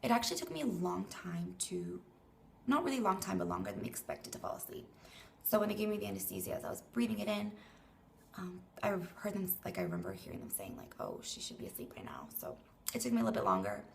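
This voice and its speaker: A woman's voice: medium pitch, sing-song, quick pace, vocal fry, a little hiss or hum. A young Canadian woman who sounds tired and weak after surgery, rambling hesitantly through a casual vlog and trailing off breathily into near-whispers. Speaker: vlogger.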